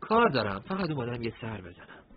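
A man voicing a friendly young man in an audiobook story, talking gently and reassuringly. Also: mid-range voice, big pitch swings, husky, dull audio. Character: friendly young man, calm older-brother type.

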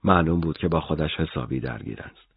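A man reading a first-person audiobook story in a grim, measured way. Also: very deep voice, vocal fry, breathy edge, no room sound, dull audio. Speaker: narrator.

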